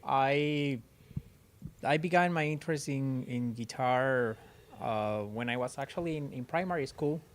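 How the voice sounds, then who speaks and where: A Spanish-native man from Costa Rica, a flamenco guitarist, talking haltingly in an interview and repeating words as he goes. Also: mid-range voice. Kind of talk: interview conversation.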